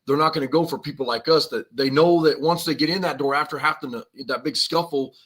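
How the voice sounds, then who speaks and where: On a live survival podcast, a male co-host tells rambling, slangy stories and laughs as he goes, keeping a casual live-stream chat feel. His voice is a little high, a bit fast, fairly bright, and husky.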